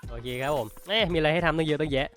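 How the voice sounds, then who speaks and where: A man giving playful, excitable commentary as he plays a game, talking to himself as he goes. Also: on the high side, very fast, soft background music. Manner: playful, excitable, talks to himself while playing. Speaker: gaming streamer. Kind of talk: let's play commentary.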